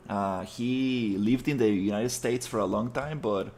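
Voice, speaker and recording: A man from Costa Rica streams himself doing 3D modeling, muttering and rambling in a relaxed way with many fillers. His voice is fairly low and darkish, his pace unhurried, and there's a little hiss or hum in the audio.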